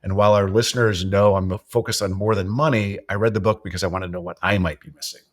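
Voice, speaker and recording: Man, low pitch, podcast host, friendly, conversational. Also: fairly even intonation, quick pace. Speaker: podcast host, financial advisor. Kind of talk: podcast interview.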